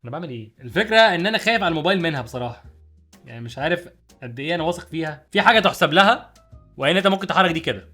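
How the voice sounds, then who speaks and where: Fast-talking young Egyptian man. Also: fairly high pitch, lively intonation, pushed and bright, faint music behind. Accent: Egyptian Arabic. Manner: rapid, chatty, jokey and puzzled. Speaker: product-review vlogger. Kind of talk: casual unboxing commentary.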